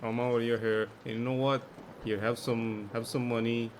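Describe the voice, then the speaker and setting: A man's voice: medium pitch, flat delivery, normal speed, background noise, lightly acted. A man voicing a shady male stoner drifter who drawls in slang. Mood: placating.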